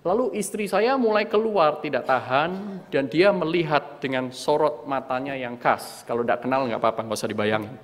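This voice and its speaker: A man's voice: mid-range voice, normal speed, few pauses, slight background noise. A middle-aged man preaching a sermon, telling a story about himself and acting out his own outbursts, often calling his listeners "saudaraku". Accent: Indonesian. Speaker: pastor. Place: church hall. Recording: long hall reverb.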